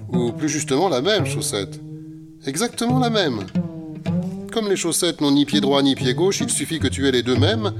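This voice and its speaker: A fussy, eccentric old wizard with a beard, as a male storyteller puts him on, explaining things earnestly in a voice pitched well above the reader's own. His delivery is lively and eager, and music plays behind the reading. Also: moderate pace. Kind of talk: storybook character voice.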